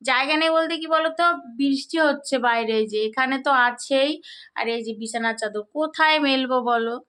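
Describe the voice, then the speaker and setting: A middle-aged woman, slightly hoarse, chatting casually to viewers through a daily-routine vlog and often checking in with them. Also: high-pitched, fairly quick, fairly bright tone. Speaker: vlogger.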